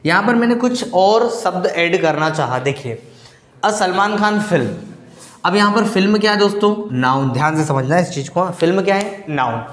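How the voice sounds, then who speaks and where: High-voiced man teaching grammar, echoey. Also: lively intonation, a little fast, hardly any pauses, fairly bright tone. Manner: quizzes listeners with questions he then answers himself; mixes English words into Hindi explanations. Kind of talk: classroom lecture. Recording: echoey room.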